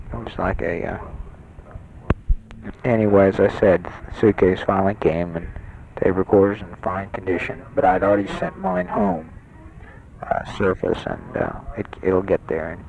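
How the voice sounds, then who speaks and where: A man's voice: sits low, steady tone, moderate pace, vocal fry, noisy background. A young man in a hospital bed, keeping his voice down as he rambles through a taped letter home with many fillers. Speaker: patient sending an audio letter home. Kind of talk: personal taped audio letter. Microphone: portable tape recorder mic held close. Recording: dull lo-fi home tape recording. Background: other patients talking in the ward.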